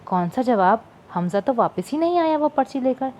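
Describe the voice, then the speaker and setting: A wry young shopkeeper trades jabs with his cousin, as a woman reader puts him on. He is mock-offended and teasing, pitched higher, with a soft mellow tone. The reading sounds like a storybook audiobook. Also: animated, moderate pace, a little hiss or hum.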